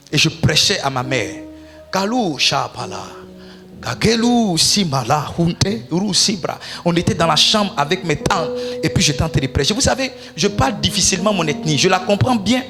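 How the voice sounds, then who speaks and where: A man delivers a sermon as pastor, his voice pitched high and ringing bright. He swings into shouts and sung phrases as he preaches. Faint music sits behind him.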